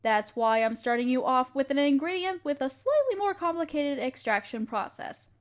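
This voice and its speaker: A voice actor with a high-sitting, sing-song voice at a moderate pace plays a kind, patient alchemist in an intimate scripted audio roleplay. Speaking one-sidedly to the listener as her apprentice, she gently teaches and reassures in an instructive, encouraging mood.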